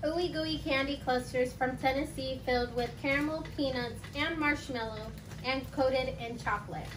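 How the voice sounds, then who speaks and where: A woman's voice: high-pitched, moderate pace. A young woman reading snack descriptions and joking bluntly with friends during a casual tasting. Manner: laughing, blunt. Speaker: co-host reading snack cards. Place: small room at a table, indoors. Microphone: far camera. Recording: echoey room from far off, noisy.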